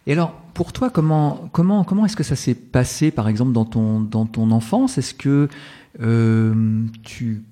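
Guy asking questions in french, warm low tone, lots of ouais and mhm. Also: measured pace. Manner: encouraging, frequent backchannel. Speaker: interviewer. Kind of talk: casual interview.

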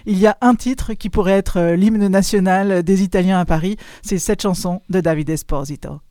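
A woman hosting a radio show, chatting casually and often pausing with fillers. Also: mid-range voice, warm tone, dry recording, clean studio sound, soft background music. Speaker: radio host.

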